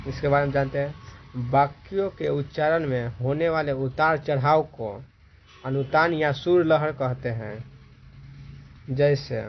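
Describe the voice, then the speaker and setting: A man teaching a grammar lesson at a very unhurried pace, his voice sitting a little high. He repeats each definition carefully so students can copy it into their notebooks. The recording sounds muffled, with faint noise underneath. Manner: repeats definitions slowly for note-taking. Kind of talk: slow classroom explanation.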